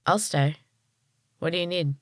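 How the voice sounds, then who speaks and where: A woman's voice: lowish voice, measured pace, dry recording, clean studio sound, natural voice. A woman voicing an easygoing, loyal winged girl in a storybook reading, talking plainly and casually.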